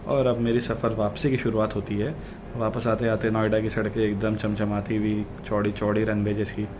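A man's voice: fairly low pitch, little pitch movement, normal speed, roomy sound, background noise. A man in his thirties chatting casually to a handheld camera for his vlog, slipping English words into his talk. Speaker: vlogger. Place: home rooms, lift and basement parking. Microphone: phone or camera at arm's length.

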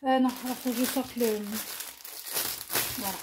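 A woman's voice: sits high, fairly even intonation, normal speed, background noise. A woman vlogger chatting casually through an unboxing, gushing with enthusiasm over what she shows. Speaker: crafting vlogger.

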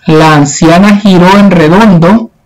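Slow patient male teacher. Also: high voice, fairly even intonation, low-quality recording. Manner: patient, explanatory, addressing children. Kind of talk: recorded lesson explanation.

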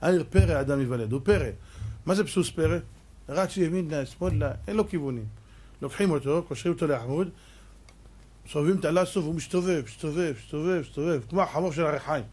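A man, a rabbi, giving a lively religious lecture, firing rhetorical questions at his listeners and acting out little scenes with sound effects and mock voices. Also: fairly high pitch, breathy edge. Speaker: rabbi giving a Torah class.

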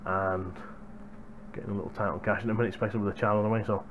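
Speaking very fast in a level tone, a young man with a voice on the low side casually chats to viewers as a hardware reviewer. The recording is rough, with a little hiss or hum, made on a gaming headset boom mic indoors in a small home room.

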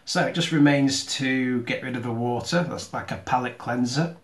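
Man, casual food tasting host, mid-pitched voice, chews while talking, hesitant. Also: moderate pace. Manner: talks while eating, with mouth full; hesitant, restarts and fillers while chewing. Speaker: video host.

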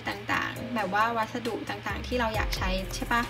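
A woman's voice: fairly high pitch, steady tone, moderate pace. A young woman casually talking through her interior design work, explaining each step with lots of fillers. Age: young adult. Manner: chatty, explains as she goes, many fillers. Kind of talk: casual vlog narration. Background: background music.

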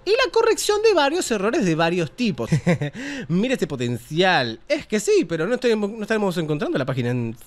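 A man's voice: high voice, huge pitch swings, moderate pace. A man with an Argentine Spanish accent hosting a casual news commentary show, opinionated and profane. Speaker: show host.

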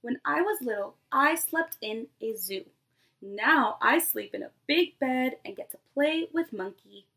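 This preschool teacher in her twenties does an animated read-aloud for young children, speaking to them directly from a small indoor bedroom. Her high-pitched voice is expressive, creaky, pushed, and bright, moving at a measured pace.

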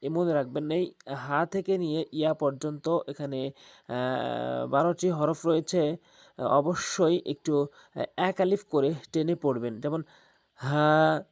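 A man's voice: a little high, measured pace, vocal fry, pauses often, a little mellow, no room sound, studio quality. A man teaching a spoken lesson on reciting Arabic letters, earnest and emphatic, drawing out each letter sound.

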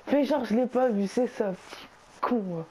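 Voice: mid-range voice, moderate pace, mellow, slight background noise, rough recording. A young gamer bantering casually and bossily in French suburban street slang during a game. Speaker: video game player recording gameplay.

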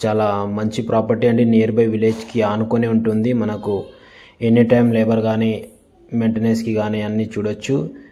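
A man giving a casual tour of farmland for sale, repeating his sales pitch with polite fillers, outdoors on a rural farm. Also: level tone, moderate pace, mellow. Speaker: property dealer showing land. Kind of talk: casual property tour vlog.

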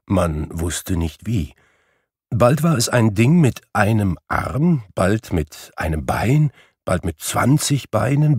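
A man reading a classic Christmas tale aloud in slow, measured narration. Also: on the low side, a little mellow, husky, no room sound, clean studio sound. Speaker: storybook reader. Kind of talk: audiobook narration.

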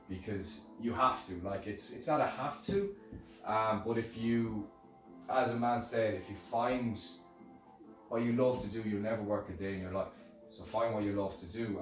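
A middle-aged man with an Irish accent giving a casual, rambling motivational talk to camera, repeating phrases for emphasis. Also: lowish voice. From Ireland. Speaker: musical instrument maker sharing lessons learnt. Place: hard-surfaced workshop room, indoors. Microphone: camera a few metres away. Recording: very echoey room, distant microphone, music.

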